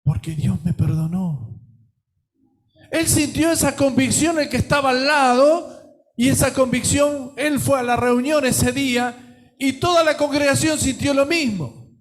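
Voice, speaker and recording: A man with a Rioplatense accent preaching a sermon, telling a story with acted quotes and swinging between loud and soft. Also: extremely high pitch, measured pace. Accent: Rioplatense Spanish. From Argentina.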